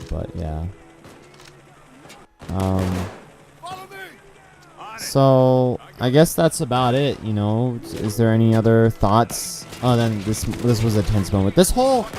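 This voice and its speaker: Medium in pitch and warm in tone, this young gaming creator rambles casually through a game review. He curses, keeps starting sentences over, and his voice cracks from a dry throat.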